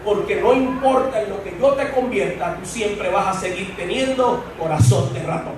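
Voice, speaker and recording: A man voicing a wise old male wizard in a fable, speaking calmly and lecturing, in an echoey church recorded from far off. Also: high-pitched, moderate pace, background noise, pitched below the performer's own voice, lightly acted. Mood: resigned.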